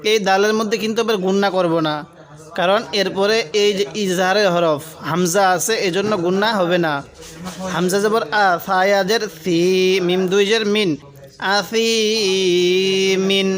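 A man with a high, light voice leads a Quran reading lesson. He spells out each letter slowly, then chants the joined syllables with long drawn vowels. Between the readings he explains the rules patiently and puts questions to the viewer. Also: steady tone.

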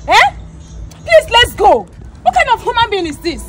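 A woman's voice: very high voice, very animated, normal speed. A woman playing a haughty, scornful young woman. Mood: contemptuous. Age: young adult. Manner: scornful, shouting insults. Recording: loud music over the dialogue.

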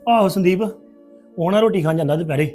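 A woman's voice: lowish voice, fast, dark tone, close to an everyday voice. A woman playing a husband who coaxes his wife as he brings her a phone. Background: music.

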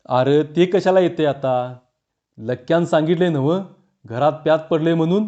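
Man voicing cocky rustic thief gone shaky, drawl, mellow tone, lo-fi. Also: on the high side, moderate pace, lightly acted. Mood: scheming. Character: boastful village man thief who loses his nerve.

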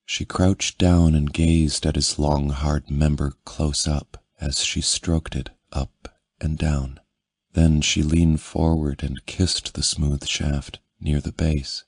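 A man reading a romance audiobook as narrator, in a low, intimate manner. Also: little pitch movement, slow, husky, no room sound. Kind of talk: scripted narration.

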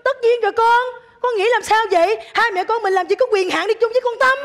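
A woman's voice: very high-pitched, quick pace, music in the background. A bossy, squawky stepmother. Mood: bickering. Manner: bickering, scolding, punning. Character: bossy dim-witted middle-aged stepmother, loud. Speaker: comic stage actor. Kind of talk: stage comedy sketch.

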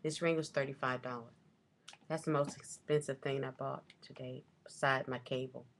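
A middle-aged woman with a low voice talks casually into a desk webcam at home. She rambles through her shopping haul, stopping to correct herself on prices. The talk is loose and chatty. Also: fairly even intonation, normal speed. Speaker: vlogger. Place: small room at home, indoors.

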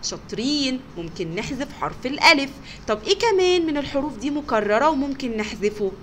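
Woman, Egyptian Arabic accent, kindergarten teacher, slow sounding-out of words, faint background hiss. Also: sits high, big pitch swings, a bit bright. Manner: sounds out words slowly, praises often. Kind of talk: recorded online lesson for young children.

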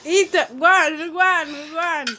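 A woman's voice: very high-pitched, moderate pace, bright, forceful tone. A woman chatting casually during a food challenge, talking as if her mouth burns from spicy food, on a noisy phone recording. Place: small room at home, phone camera.

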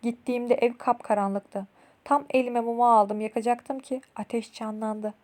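A woman's voice: on the high side, fairly even intonation, normal speed, a little mellow, natural voice. A woman voicing a frightened male bandit from a children's storybook, telling his tale in an alarmed rush.

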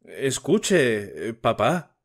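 A man's voice: on the high side, big pitch swings, slow, voice pushed up, full character voice. A man voicing a nervous young male student who stammers breathlessly at his father in an audiobook story. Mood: nervous pleading.

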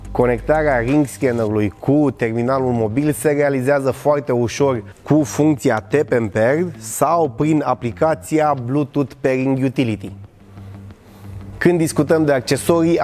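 A man in his thirties with a darkish, mid-range voice gives an upbeat, scripted product demonstration, moving around and working inside a large warehouse as he speaks.

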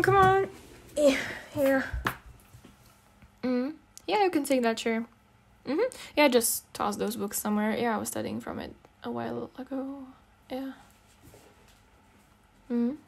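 A young adult woman who isn't a native English speaker plays a girlfriend in a casual, intimate ASMR roleplay. She teases and coaxes in slangy talk punctuated by giggles. Her voice sits fairly high with vocal fry, and there's a faint hiss or hum.

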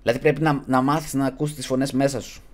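A man hosting a casual podcast, giving earnest advice in slangy talk and closing his sentences with a low, mumbled "bro". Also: flat delivery. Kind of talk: casual streamed podcast chat.

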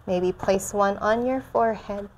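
A young woman teaching restorative yoga and guided meditation in a soothing, gentle manner. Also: medium pitch, measured pace, a little hiss or hum, low-quality recording. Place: large bare indoor room with concrete floor. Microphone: chest-worn mic.

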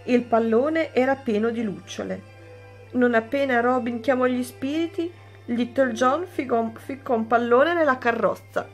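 A woman teacher reading a children's story aloud, slow and clear. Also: on the high side, faint music behind.

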